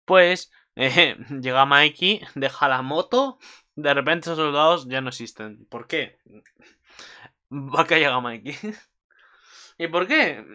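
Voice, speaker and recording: A man's voice: on the high side, a little slow, sharp tone, smooth. A man giving a casual, rambling recap of an anime episode, swearing often and restarting his sentences. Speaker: anime commentator.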